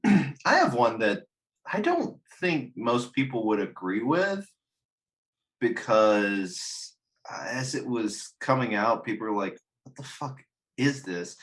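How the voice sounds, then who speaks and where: A man with a mid-range voice, speaking a little slowly, rambles through a casual chat as a podcast panelist discussing films and games. He's animated and swears freely, often laughing as he talks.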